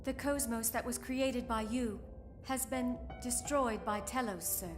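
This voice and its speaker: Game android, female: too-smooth, emotionless, courteous and formal woman in the role, slightly high voice over heavy score. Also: a little slow, music in the background, natural voice. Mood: calm, formal. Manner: smooth, even, formal robotic delivery. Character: calm female combat android, polite and emotionless. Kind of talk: video game cutscene voice acting.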